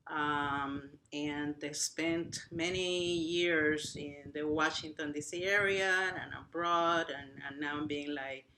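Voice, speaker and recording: A woman's voice: sits low, slow, hardly any pauses. A woman from Cuba with a Cuban accent, whose first language is Spanish, speaking animatedly on a virtual panel as a nonprofit director. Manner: animated, restarts phrases, uneven pace. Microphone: video call.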